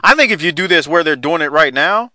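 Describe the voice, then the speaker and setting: A man's voice: fairly high pitch, expressive, brisk, bright, forceful tone, dry recording, studio quality. A man hosting a casual wrestling review chat, conversational and steering his co-hosts along. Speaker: podcast host.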